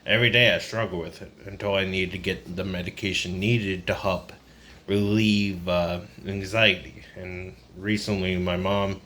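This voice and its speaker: A man's voice: deep voice, steady tone, moderate pace, bright, forceful tone. A man in his twenties talking in a casual, rambling personal vlog, downcast, burned-out and confiding. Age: 20s. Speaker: vlogger. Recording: noisy ambient background.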